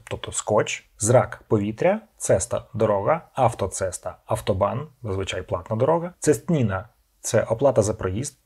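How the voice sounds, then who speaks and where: A man's voice: on the low side, a little mellow, slightly rough. A man narrating a scripted vocabulary lesson, reading each word and then its meaning in short paired phrases. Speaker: language channel host.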